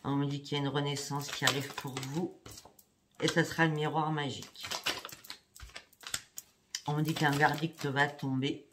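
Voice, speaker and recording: A woman's voice: low voice, normal speed, long pauses. A woman doing a tarot reading for her viewers, speaking in a chatty way and often checking in with "hein" and "d'accord". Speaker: psychic card reader. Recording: steady background noise with clicks.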